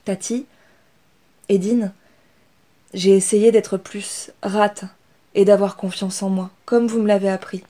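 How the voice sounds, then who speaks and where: A woman voicing Inès, a young female rat who speaks calmly and with assurance. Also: mid-range voice, slow pace, long pauses, natural voice. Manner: calm, steady.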